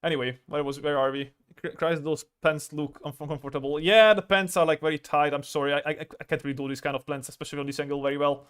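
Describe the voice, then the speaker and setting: Artist streamer, man, fairly high and smooth voice, rambles and stammers, swears freely. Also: fairly even intonation, quick pace, fairly bright tone. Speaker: artist livestreaming. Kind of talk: casual chat while drawing on stream.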